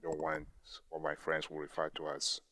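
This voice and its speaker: A man's voice: a bass voice, monotone, a little fast, bright, forceful tone, no echo. A man hosting a podcast, chatting casually in an easygoing way with rambling asides. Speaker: podcast host. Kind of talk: casual chat.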